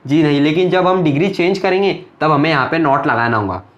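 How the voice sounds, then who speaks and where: On dull audio, a young man with a fairly high voice briskly teaches a grammar lesson at a board. He keeps a patient, explaining tone, asking questions and then answering them himself.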